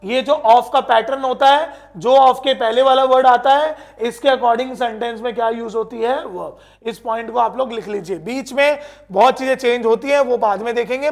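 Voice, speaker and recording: A man teaching an exam-prep English grammar lesson, who asks the class questions and then answers them himself and reads English sentences out slowly with an Indian accent. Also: extremely high pitch, gravelly.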